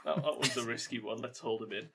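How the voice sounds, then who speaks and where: A man's voice: mid-range voice, quick pace, a crowd in the background. A man co-hosting a podcast in casual comedic chat, tipsy on gin, swearing and making self-deprecating jokes. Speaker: podcast co-host.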